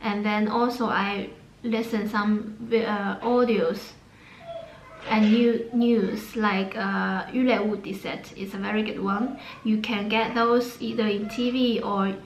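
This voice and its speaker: A young Chinese woman vlogs casually to camera about language learning, speaking slowly and haltingly with a Chinese accent, many pauses, fillers and restarts. Her medium-pitched voice keeps a steady tone and echoes in the room over a faint hum. She comes across as hesitant.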